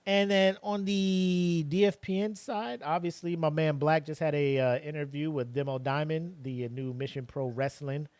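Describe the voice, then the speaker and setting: A man co-hosting a podcast in casual chat, animated and sarcastic, full of slang. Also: on the high side, normal speed, few pauses, clean tone, no echo. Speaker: podcast co-host.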